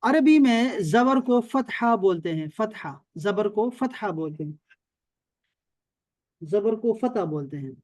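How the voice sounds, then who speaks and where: A man from Pakistan teaches an online Arabic and Quran lesson over a video call, repeating key terms and often checking that his students are following. His voice is high and a little mellow, with lively intonation, and there's no echo.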